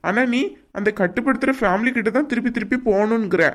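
A woman's voice: on the high side, quick pace, close to an everyday voice. Kamal, a scolding impatient young man, voiced by a woman. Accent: Kanyakumari Tamil. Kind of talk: cartoon voice acting.

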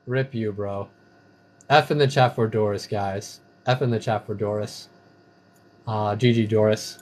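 A man's voice: on the low side, steady tone, measured pace. A man giving casual, playful commentary while playing an online game, breaking into sing-song chants and silly catchphrases. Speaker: gamer streamer.

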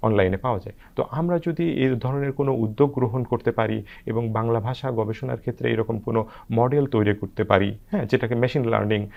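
A man talks quickly as a guest researcher, breaking up his points with frequent hesitant filler sounds. His voice has a gravelly fry. The recording sounds dull and lo-fi. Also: medium pitch. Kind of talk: discussing language research on TV.

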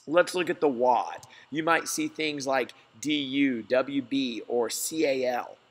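Husky-voiced man coaching with a slideshow. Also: medium pitch, takes it slowly. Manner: plain, reassuring explaining. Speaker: gym coach. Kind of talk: slideshow lesson voice-over.

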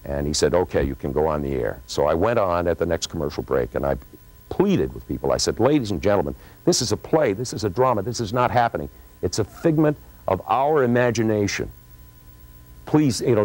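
On a TV studio stage, a middle-aged former radio program director dramatically tells the camera about a past broadcast, acting out the dialogue he remembers. His lowish, darkish voice is animated and a little fast, and the recording is rough.

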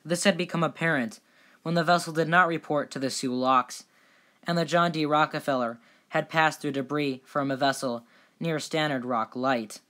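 Male narrator for scripted documentary, bright and crisp-edged tone, somewhat higher than average. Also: fairly even intonation, normal speed.

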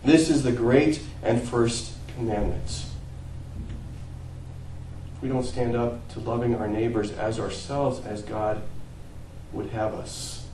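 Male pastor, mellow tone, earnest sermon delivery, recorded from a distance in an echoey church. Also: medium pitch, slight background noise. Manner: earnest preaching, rising to emphatic peaks and dropping to quiet phrase ends. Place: church sanctuary.

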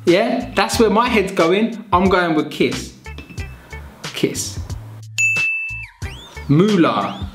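A man talks in an unhurried, chatty way, teasing himself as he thinks out loud. His voice sits at a middle pitch. The room has noticeable echo, with faint music underneath. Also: big pitch swings. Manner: chatty, self-mocking, muses aloud. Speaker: vlogger. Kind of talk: casual vlog chat. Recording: echoey room.

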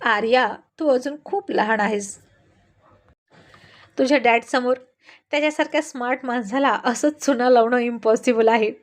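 A woman's voice: on the high side, moderate pace, pauses often, lightly acted. Woman playing an amused, teasing mother. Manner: laughing, gently teasing. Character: amused, affectionate mother and wife.

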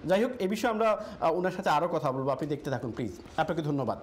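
A man's voice: fairly high pitch, quick pace, slight background noise. A man hosting a political call-in talk show, pressing his guest and mixing English phrases into his speech.

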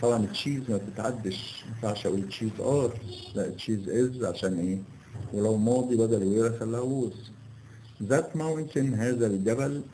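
A male English teacher with an Egyptian Arabic accent reviewing an exam. He reads each English sentence slowly, then explains it in Arabic and asks his students questions that he answers himself. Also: on the low side, warm tone, slight background noise, poor audio.

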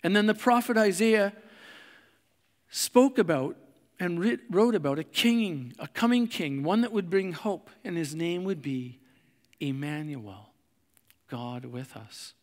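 A man preaching a sermon in a conversational way, with fillers and restarts, and slowing softly on reflective lines. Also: sits high, big-room sound. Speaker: pastor. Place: church sanctuary.

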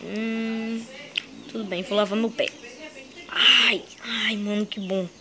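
A woman's voice: medium pitch, steady tone, slow, a crowd in the background. A woman playing a young male green dinosaur on the run in a game, talking to himself in a chatty, slangy way. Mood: resting. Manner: chatty, slangy, talks to itself. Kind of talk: in-character game role-play.

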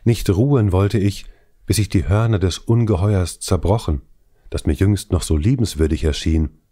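A male audiobook reader voicing a despairing young princess in anguished, lamenting declamation, his low dark voice pitched up a little. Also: moderate pace, no room sound, clean studio sound. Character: despairing young princess, abducted king's daughter. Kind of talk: scripted audiobook reading.

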